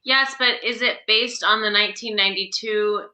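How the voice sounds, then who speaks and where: A woman's voice: medium pitch, steady tone, moderate pace, sharp tone. A woman co-hosting a film podcast, joking dryly in casual chat. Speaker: podcast co-host.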